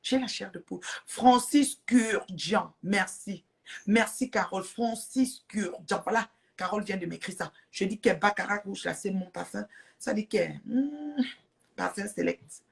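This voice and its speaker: A chatty woman talks casually on a live stream, greeting and thanking her viewers between bursts of laughter. She speaks straight into a phone or webcam, with a relaxed, conversational flow. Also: medium pitch, moderate pace, creaky.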